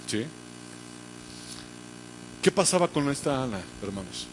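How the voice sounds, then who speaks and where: A man preaching a sermon as pastor, fervent and swinging from hushed to loud. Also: mid-range voice, big pitch swings, a little slow, noisy background.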